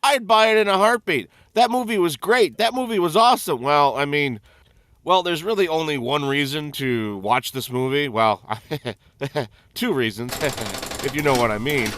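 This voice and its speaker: Exasperated, high-pitched man ranting over a game. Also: moderate pace, fairly bright tone, no room sound. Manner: crude, profanity-laden, exasperated ranting; sarcastic. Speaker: game streamer, let's play host. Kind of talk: ranting game commentary with mocking voices.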